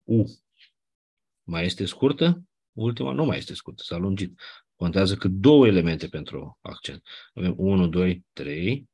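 Man, teacher, classroom lecture, explanatory, husky. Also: deep voice, sing-song, warm tone. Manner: explanatory, checks understanding with "nu?".

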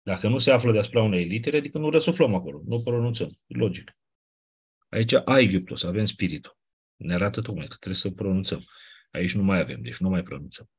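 A man teaching a class, explaining step by step in a conversational way with quick asides. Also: deep voice, expressive, slightly rough. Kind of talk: classroom lecture.

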